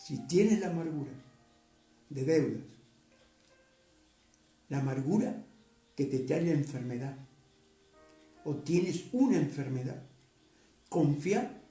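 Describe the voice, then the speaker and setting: A man, a pastor preaching a sermon, reading scripture slowly and then urging his congregation with rising force. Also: medium pitch, warm tone, echoey room.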